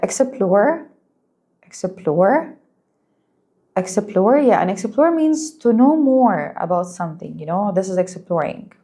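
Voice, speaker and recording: A woman whose first language is Arabic teaching an English lesson, speaking slowly and clearly and praising her students. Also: medium pitch, dark tone. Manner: patient, encouraging, slow and clear, explains in Arabic too.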